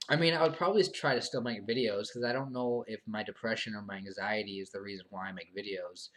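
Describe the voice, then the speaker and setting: A young man with a lowish voice and fairly even intonation talks softly and haltingly during a casual live stream, answering viewer questions. He's subdued and earnest, full of fillers and restarts, and his voice is giving out after talking for a long time.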